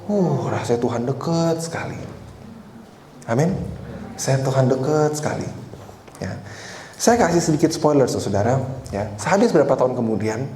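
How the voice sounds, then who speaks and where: Young guy preaching, telling his own story, mellow voice, big echoey church hall with a bit of noise. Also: mid-range voice, expressive, moderate pace. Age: 20s. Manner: personal storytelling, keeps addressing the congregation. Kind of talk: conversational sermon.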